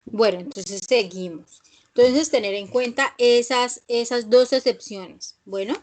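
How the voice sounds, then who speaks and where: A woman's fairly high voice carries an English grammar lesson. She goes over each rule patiently, repeating herself and checking that the class follows. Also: a little slow, a little mellow. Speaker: English teacher. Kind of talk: online class explanation.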